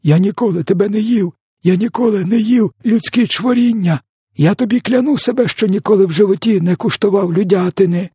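A man's voice: high-pitched, fairly quick, mellow, husky, dry recording, studio quality, pitched above the performer's own voice. A man voicing a huge male man-eating giant who wails and pleads in panic during a nightmare. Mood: frantic pleading. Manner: wailing, pleading, panicked screams.

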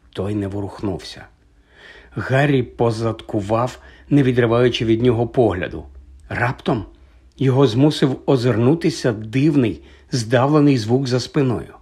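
A man narrating a fantasy audiobook in a measured, even storytelling manner. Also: medium pitch, slightly rough. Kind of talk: scripted narration.

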